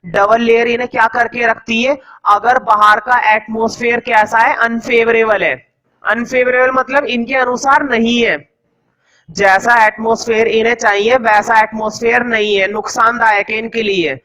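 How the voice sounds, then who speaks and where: A man teaching a class, slowly dictating notes word by word and asking the students quick questions in between. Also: very high-pitched, steady tone, pushed and bright, low-quality recording. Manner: quizzes students with rhetorical questions; teasing, joking. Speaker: science teacher. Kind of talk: classroom lecture.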